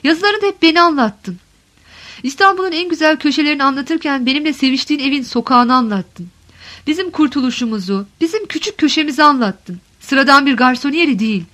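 A woman's voice: high-pitched, fairly quick, a bit bright. A woman voicing a middle-aged married woman who pleads tenderly and emotionally with her former lover, in an audiobook reading. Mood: insistent.

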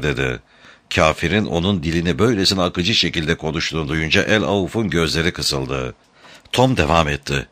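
A man narrating an adventure novel as an audiobook, in a measured, dramatic storytelling manner. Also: deep voice, pushed and bright, no room sound.

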